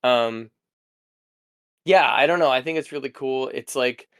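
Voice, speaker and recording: A young man hosting a podcast, chatting casually in a relaxed, rambling way. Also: mid-range voice, a little slow, smooth, dry recording, studio quality. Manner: relaxed, rambling, laughs easily. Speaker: podcast host. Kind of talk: casual chat.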